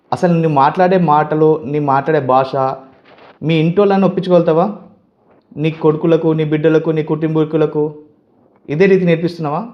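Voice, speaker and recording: A man's voice: fairly high pitch, muffled recording. A man with a Telangana Telugu accent, a youth leader of a community association, delivers an angry political statement. He scolds with a string of heated rhetorical questions.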